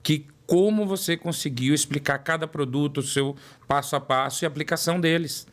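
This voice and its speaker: At a moderate pace and in a voice on the high side, a man in his forties shares his career story as an interview guest. He's from São Paulo, Brazil, speaks with a São Paulo Portuguese accent, works as a product development director, and repeats words for emphasis.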